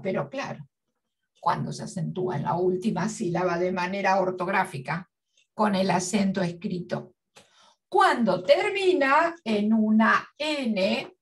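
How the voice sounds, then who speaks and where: A woman teacher giving a literature lesson, slowly spelling out syllables and repeating her examples. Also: a little high, far from the mic. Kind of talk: classroom lesson.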